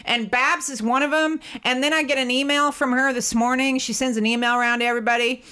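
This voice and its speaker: A woman's voice: sits high, quick pace, clear, resonant tone. A woman telling stories in a casual chat, blunt and profane, acting out the people she talks about. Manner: blunt, profane, razor-sharp ranting; animated storytelling with mimicked voices.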